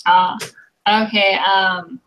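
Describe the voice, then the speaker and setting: A woman's voice: medium pitch, level tone, extremely slow, dull audio, a little hiss or hum. A woman author chatting casually on a video call, hesitant and filling her talk with ums and likes. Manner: hesitant, many fillers and restarts. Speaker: author guest.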